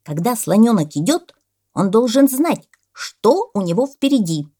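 A woman voicing a pompous male parrot who lectures loudly and exclaims often. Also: a little high, very animated, a little slow, breathy edge, voice pushed up, heavily acted. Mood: lecturing.

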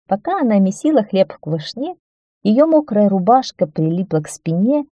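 Woman reading a kids' story, calm steady pace, super dark mellow voice, dry close sound. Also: fairly low pitch, no room sound, highs cut off. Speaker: narrator. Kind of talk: reading a children's story aloud.

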